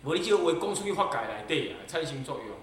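A man's voice: a little high, big pitch swings, racing, distant mic, a little hiss or hum. A Taiwanese-accented Buddhist abbot giving a Dharma sermon, emphatic and repetitive, often turning to his listeners with rhetorical questions. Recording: very echoey hall.

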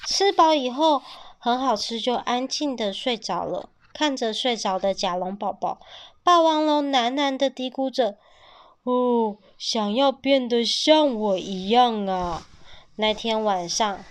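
A woman reading a picture book aloud as a bedtime story, with a fairly high voice and a gentle, lively delivery. She pauses to ask the child questions as she goes.

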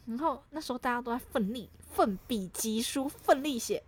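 Lively young woman telling a story. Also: a little high, moderate pace, slightly rough. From Taiwan. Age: young adult. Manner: animated storyteller who acts out quoted lines and laughs often. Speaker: podcast co-host. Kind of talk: casual podcast chat.

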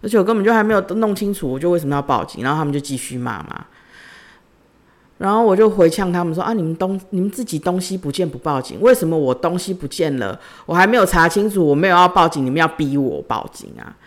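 A woman's voice: fairly low pitch, expressive, fast. Woman telling a personal story. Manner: conversational, retelling dialogue in her own voice. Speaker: podcast host.

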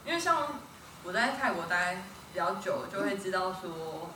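A woman hosting a podcast, asking questions in a relaxed, encouraging manner. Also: lowish voice, moderate pace. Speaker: podcast host. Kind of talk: casual interview chat. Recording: roomy, distant mic with noticeable noise.

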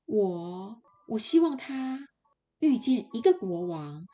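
A woman voicing three kindly little forest dwarves in a children's story, talking gently and coaxingly with small stammers. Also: mid-range voice, sing-song, slow pace.

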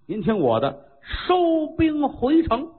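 A man voicing a calm, shrewd old general giving advice in a storytelling performance. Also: very high voice, slow pace, phone-quality sound, voice pushed up, full character voice. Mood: persuasive.

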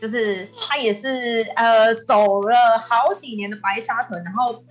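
台灣腔女主持人，輕鬆閒聊. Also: female voice, a little high, steady tone, unhurried, faint music behind. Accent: Taiwanese. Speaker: talk show host. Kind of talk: lively casual hosting, mixing Mandarin and Taiwanese Hokkien.

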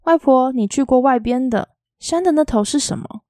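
A woman voicing a timid, earnest teenage boy from a mountain village, in a soft, quietly lilting reading voice. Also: high voice, moderate pace, dry recording, studio quality, voice pushed up, lightly acted. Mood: earnest, anxious.

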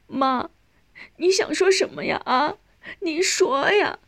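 A woman's voice: slow pace, no room sound, heavily acted. A woman voicing an anxious grown daughter who pleads with her dying mother in an audiobook. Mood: pleading. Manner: high pleading calls.

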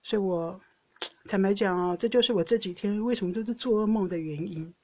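A middle-aged woman with a Taiwanese Mandarin accent, hosting a podcast and telling personal stories in an emotional, animated way. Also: mid-range voice, brisk, dull audio. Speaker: podcast host. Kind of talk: casual personal storytelling.

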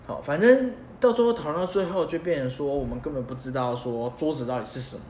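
A young male podcast host with a somewhat high voice explains ideas in a casual, lively monologue. He keeps asking rhetorical questions. The recording sounds roomy and echoey, with a faint hiss underneath. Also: quick pace. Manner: animated, asks many rhetorical questions, chuckles at himself.

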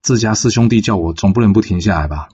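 A man's voice: fairly low pitch, quick pace, dark tone, breathy edge, highs cut off. A man voicing a weary male strategist who grumbles reluctantly, in a told folk story. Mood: grumbling. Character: weary male strategist, hesitant and put-upon.

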